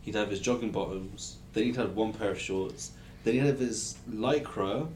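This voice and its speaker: A man with a lowish, somewhat dark voice chats casually at a normal speed, telling stories in a jokey, self-deprecating style. The recording has a roomy echo and faint noise.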